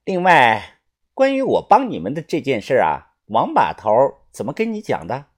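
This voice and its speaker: Narrator playing a guarded young woman, brisk, audiobook, husky, very lively pitch. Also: full character voice. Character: Ah Chun, a tense young woman, sister-like protector. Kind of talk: audiobook character voice.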